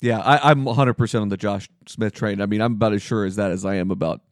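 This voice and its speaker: A man's voice: on the low side, steady tone, quick pace, dry recording, studio quality. A man co-hosting a basketball podcast, laid-back and joking as he chats. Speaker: podcast co-host. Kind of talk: casual sports chat.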